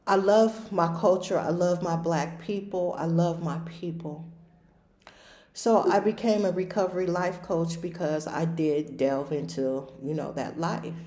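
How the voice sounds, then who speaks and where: A woman's voice: lowish voice, steady tone, a little slow, dark tone, echoey room. A woman in her fifties, a recovery life coach hosting a podcast, talking plainly and directly in casual conversation. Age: 50s.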